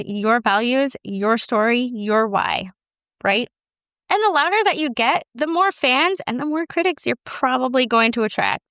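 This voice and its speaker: A woman hosts a casual solo podcast and talks candidly, with a lively, self-deprecating manner. Her voice sits a little high and comes across smooth and clear. The close mic is dry, with almost no room sound. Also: no room sound. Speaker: podcast host and business owner.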